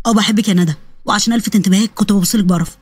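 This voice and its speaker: A woman's voice: mid-range voice, racing, a little mellow, husky, dry recording, pitched below the performer's own voice, close to an everyday voice. A woman with an Egyptian accent voicing a shy, flustered young man who blurts out the truth. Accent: Egyptian Arabic. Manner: pleading, flustered.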